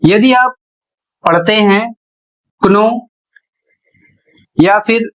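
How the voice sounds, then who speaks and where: Slow, high-voiced male teacher. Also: a bit bright, low-quality recording. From India. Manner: deliberate, spells words out letter by letter. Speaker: English teacher. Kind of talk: slow classroom explanation.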